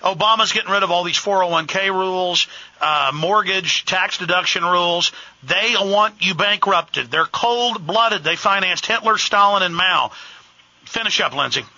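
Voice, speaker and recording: A man's voice: sits high, normal speed, pushed and bright. A man hosting a talk radio show, interrupting often and talking emphatically. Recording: lo-fi radio broadcast.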